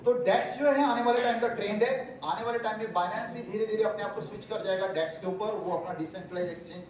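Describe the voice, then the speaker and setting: A man giving a lively, storytelling talk to an audience at a seminar, acting out callers' voices as he goes. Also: high-pitched, fast talker. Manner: storytelling, acts out callers' voices, laughs often. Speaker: speaker at a crypto seminar. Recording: echoey hall from far off, faint noise.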